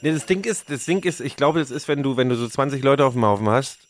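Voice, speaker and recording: A man's voice: medium pitch, lively intonation, fast talker. A man co-hosting a podcast, talking casually and teasing with sarcastic jokes. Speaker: podcast co-host. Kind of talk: casual chat.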